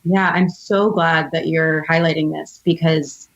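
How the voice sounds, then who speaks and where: Speaking at a measured pace with a steady, low-pitched voice, this entrepreneur in her thirties is a guest on a podcast. She's American, from outside Philadelphia, and tells personal stories articulately and reflectively, in a conversational tone. The audio is dull.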